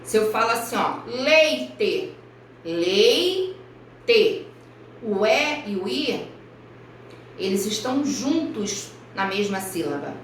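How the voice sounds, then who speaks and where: A woman primary school teacher from Brazil giving a recorded review lesson for children, speaking slowly and carefully and spelling out each example. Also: mid-range voice, lively intonation, a little hiss or hum. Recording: echoey room, voice far from mic.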